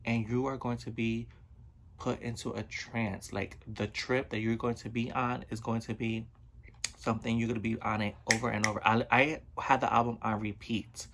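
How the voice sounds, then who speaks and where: A man hosting a reaction video, gushing in excited, slangy exclamations as a song plays. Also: fairly low pitch, moderate pace. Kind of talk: casual reaction commentary. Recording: song playing loudly behind the voice.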